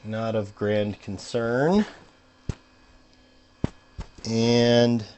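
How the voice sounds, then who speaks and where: A hobbyist modder mutters to himself at a home workbench, narrating his electronics tinkering in a dry, sarcastic way. His mid-range voice is steady and darkish, with drawn-out words and a little hiss or hum.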